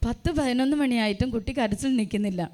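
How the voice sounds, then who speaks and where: An older woman in her sixties gives a church testimony in a plain storytelling way, pausing on "um" now and then. Her voice sits fairly high and comes across smooth and clear. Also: a little mellow. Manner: plain storytelling, often pausing on "um" and retelling her own prayers. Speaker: parishioner giving a testimony.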